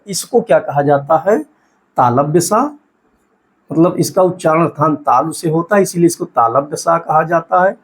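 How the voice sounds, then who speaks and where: A man teaching an exam-prep lesson, asking questions and answering them himself, and sounding out syllables slowly. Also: a little high, darkish tone, slightly rough.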